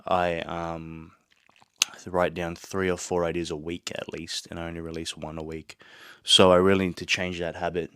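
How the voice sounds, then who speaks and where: Deep, bright and forceful, this man's voice comes across clear and resonant, though his delivery is flat and his pace moderate; there's no room sound. Despite a sore throat and stuffy nose, he talks earnestly and motivationally on his own casual podcast in a small home studio, drifting into rambling asides.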